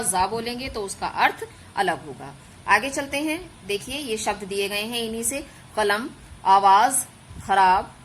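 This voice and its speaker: A woman's voice: medium pitch, a bit bright, a little hiss or hum, rough recording. Patient woman teacher explaining grammar. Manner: patient, explains step by step, stretches out sounds as examples; addresses pupils as children. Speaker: school teacher. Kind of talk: online Hindi grammar lesson.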